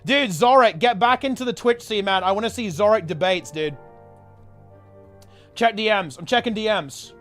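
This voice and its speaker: High-pitched rambling male streamer. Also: moderate pace, fairly bright tone, soft background music. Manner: rambling, slangy, repeating himself. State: getting over a sickness, on medication. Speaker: game streamer and video host. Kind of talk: casual livestream chat.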